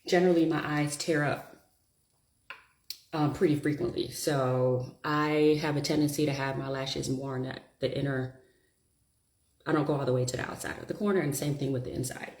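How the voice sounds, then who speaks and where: While applying lashes on a live stream, this beauty vlogger keeps up a chatty, self-mocking running monologue. She speaks low and steady at a moderate pace, her tone on the dark side, with a roomy sound to the recording.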